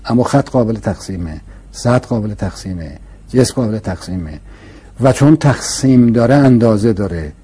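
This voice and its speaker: Man, mellow dark tone, slightly husky, patient explainer, emphatic, repeats key points. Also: lowish voice, lively intonation. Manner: patient, emphatic, uses rhetorical questions and repetition. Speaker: scholar explaining philosophy to an interviewer. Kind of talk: explanatory conversational lecture.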